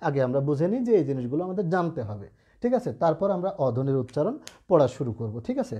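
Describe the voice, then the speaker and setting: Patient, mellow-voiced teacher man. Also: on the high side, sing-song, quick pace. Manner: explains patiently with frequent check-ins and repeated phrases. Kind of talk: classroom-style lesson.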